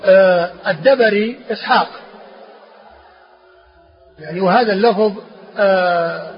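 A man teaching a classical text, slowly repeating words and spelling out letters as he explains. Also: high-pitched. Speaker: teacher of hadith sciences. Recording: dull lo-fi recording with faint hiss.

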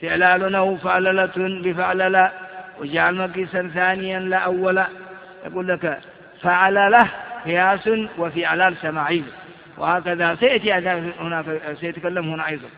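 High-voiced man teaching grammar in an echoey hall. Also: flat delivery, moderate pace, gravelly. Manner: repeats word forms in drills, asks rhetorical questions. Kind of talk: classroom lesson explaining verse on grammar. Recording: dull echoey lecture hall recording.

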